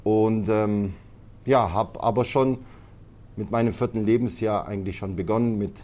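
A man's voice: lowish voice, steady tone, normal speed, dark tone. Hesitant man, Italian-born guest. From Italy. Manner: hesitant, many fillers. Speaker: podcast guest, martial arts trainer. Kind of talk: casual interview talk.

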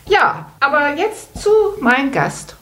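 A woman hosting a conversational interview, curious and chatty, reacting quickly to her guest. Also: high-pitched, very animated, bright, forceful tone.

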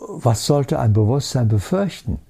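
A man giving a spiritual teaching talk, calm and certain, stressing his points with emphasis and rhetorical questions. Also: mid-range voice, a little slow, gravelly, breathy edge.

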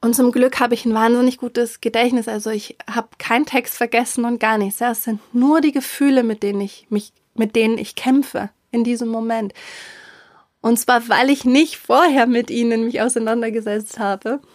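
A middle-aged woman telling a personal story with emotion, haltingly, with fillers and restarts, often dropping to a whisper for emphasis. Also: a little high, fairly even intonation, no echo, clean studio sound.

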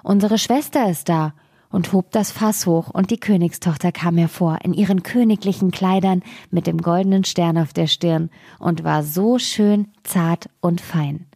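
A woman reads a fairy tale aloud in a calm, unhurried storytelling voice. Her tone is low-pitched, warm and mellow. The recording is close and dry, with no room sound. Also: gravelly, no room sound. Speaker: fairy-tale reader on a radio podcast.

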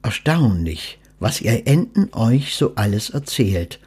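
A man voicing Death as a calm, gentle companion in a storybook reading, speaking in a dry, unhurried way. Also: lowish voice, breathy edge, full character voice.

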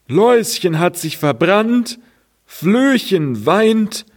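A man voicing a little talking cart in a storybook reading, in a high emphatic singsong. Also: big pitch swings, takes it slowly, heavily acted.

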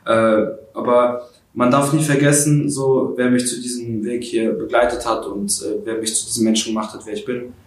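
The audio is poor and the room echoey as an eighteen-year-old Ukrainian content creator for social media answers interview questions. He speaks at a normal pace in a level, mid-range voice, casual and hesitant, often using fillers and starting over.

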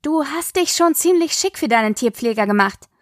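A woman's voice: sits high, animated, no room sound, studio quality. A woman reading an audiobook, voicing a sarcastic, teasing teenage daughter. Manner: sarcastic, quick-tongued.

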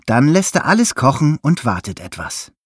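Husky guy reading a bedtime-style kids story, lively and slow, dry close mic. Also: medium pitch, no echo. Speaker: narrator.

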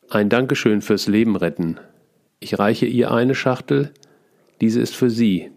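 A man reading his own memoir aloud in short, clipped first-person sentences, calm and steady. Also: mid-range voice. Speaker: author reading his book.

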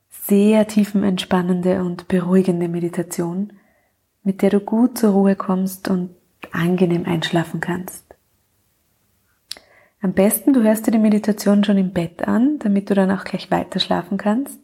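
Mellow, breathy woman hosting a podcast. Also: mid-range voice. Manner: calm, measured, addressing the listener directly. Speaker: podcast host, coach for mothers. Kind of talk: scripted podcast narration.

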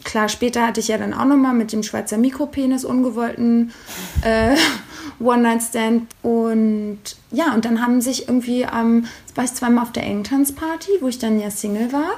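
A woman co-hosting a podcast, telling a personal story in a candid, animated, colloquial way. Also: fairly high pitch, moderate pace. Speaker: podcast co-host.

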